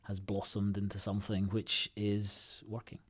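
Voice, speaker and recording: A man from the United Kingdom, a guest on an interview show, answering in a halting, thoughtful way with many restarts and fillers. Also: on the low side, monotone, a bit bright. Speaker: podcast guest, IT consultancy co-founder.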